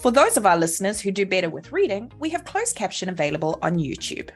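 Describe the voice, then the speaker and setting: A woman co-hosting a podcast, reading the closing remarks in a lively, expressive way. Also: medium pitch, fast, slightly rough, faint music behind. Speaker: podcast co-host. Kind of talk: podcast outro.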